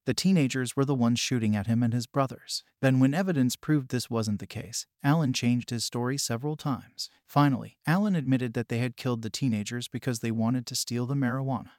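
A man narrating scripted true crime in a measured, matter-of-fact storytelling manner. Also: mid-range voice, a little mellow, no room sound, studio quality.

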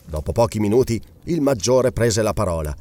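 Expressive male audiobook narrator. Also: fairly low pitch, normal speed, dry recording. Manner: expressive, varied storytelling.

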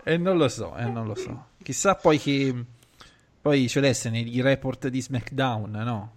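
A man's voice: mid-range voice, takes it slowly. A man hosting a casual group conversation, talking in a teasing way. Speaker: podcast host.

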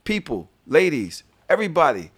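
A man's voice: a little high, wildly swooping pitch, moderate pace, slightly rough. Profane man preaching casual advice. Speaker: podcast co-host. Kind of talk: casual chat.

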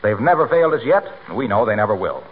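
Hearty, animated radio pitchman, tinny broadcast. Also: quick pace, slight background noise. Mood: earnest, persuasive. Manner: hearty, salesmanlike. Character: genial, breezy announcer friend plugging products. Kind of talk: 1940s radio comedy acting.

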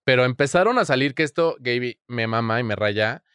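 Mexican man gossiping, smooth dry voice. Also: mid-range voice, brisk, no echo. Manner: animated, laughing, emphatic storytelling. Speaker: co-host. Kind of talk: casual gossip chat.

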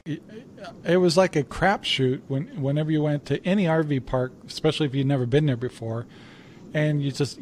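Halting male interview host. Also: mid-range voice, darkish tone, a little hiss or hum. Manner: halting, restarts questions. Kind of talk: casual interview.

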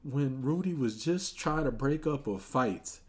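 A man's voice: mid-range voice, lively intonation, measured pace. A man hosting a casual comedy podcast, talking in a loose, easygoing way with lots of fillers. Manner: laid-back, loose, with frequent "uh" fillers. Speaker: podcast host.

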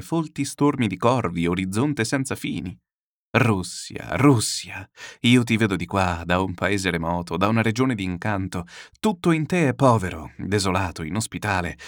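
A man reading a literary text aloud, declamatory and lyrical, with slow solemn pauses. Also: lowish voice, no echo, clean studio sound. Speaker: reader.

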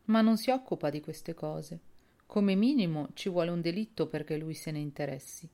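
A woman reading an audiobook and voicing an impatient, easily alarmed brother-in-law in a brusque, dismissive way, with a low, gravelly voice. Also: normal speed, dark tone.

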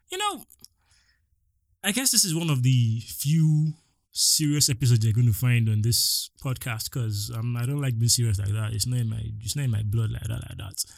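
A young man with a Nigerian accent hosting a solo podcast, talking in an animated, exasperated way straight to his listeners. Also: medium pitch, dry recording, clean studio sound. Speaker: podcast host.

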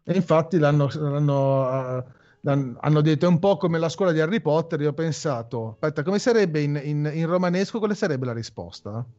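A man's voice: on the high side, fairly quick, a little mellow. A man hosting a casual interview chat in a joking, rambling, digressive way. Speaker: host. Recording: slightly dull audio with music behind. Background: music.

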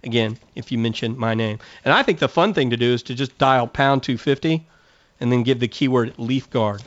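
A man's voice: medium pitch, brisk, no echo. Male radio host, plain folksy advice, dry close sound, a bit muffled. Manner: direct, folksy, advice-giving. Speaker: radio gardening call-in host. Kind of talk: radio call-in talk and live ad read.

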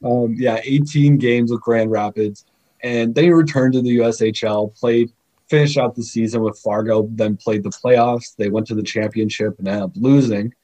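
Man, podcast guest; husky, middle pitch, animated and chatty. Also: moderate pace, low-quality recording. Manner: animated, laughs often, chatty. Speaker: scouting guest. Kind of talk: podcast interview.

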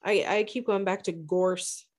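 A woman's voice: lowish voice, steady tone, darkish tone. Casual woman swearing through book chat. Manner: blunt, swears freely, quick asides. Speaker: book podcast co-host.

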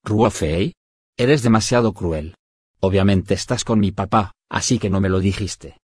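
Aggrieved chubby young man, complaining, husky, dry recording, a man reading. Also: lowish voice, a little slow, darkish tone, no room sound. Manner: complaining, defensive.

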